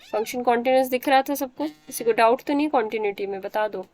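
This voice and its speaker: A woman's voice: a little high, quick pace, darkish tone. A woman teacher giving a math lecture, explaining step by step and often checking that the students understand.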